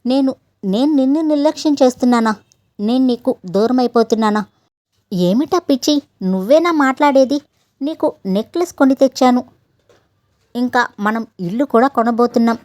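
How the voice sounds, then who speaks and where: A woman's voice: a little high, normal speed, a little mellow, no echo, lightly acted. A woman voicing a young husband, a busy doctor, who answers his wife in an exasperated, defensive way, read in an audio story.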